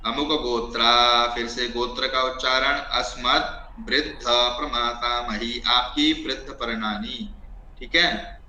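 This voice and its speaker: A man teaching an online class on ritual recitation, chanting Sanskrit formulas slowly and then explaining them. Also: medium pitch, steady tone, bright, forceful tone, echoey room, a little hiss or hum, rough recording.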